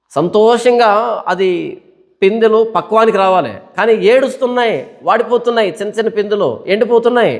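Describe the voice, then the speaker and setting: A man pastor giving a Bible study sermon, reading scripture verses slowly and formally, then explaining them with rhetorical questions and repeated lists. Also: sits high. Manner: preaching with rhetorical questions and repetition; reads scripture verses in a slow formal cadence.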